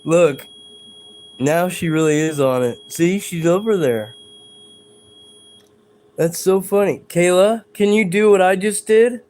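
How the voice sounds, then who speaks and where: A man's voice: high-pitched, takes it slowly, pauses often, darkish tone, slight background noise. A man hosting a live stream at home in his bedroom, chatting in a rambling, hesitant way with viewers and the spirits he says are near. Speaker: livestream host. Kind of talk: live paranormal stream chat.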